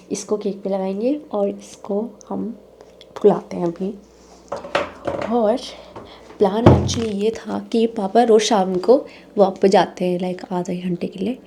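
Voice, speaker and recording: A young woman talks in a low, hushed voice into a handheld phone in a home kitchen, chatty and relaxed. Her tone is mellow, and faint household ambience sits behind her. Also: gravelly, slight background noise. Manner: hushed and chatty, talking quietly to stay secret. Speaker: vlogger filming a family surprise. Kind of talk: casual vlog chat. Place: family kitchen, indoors.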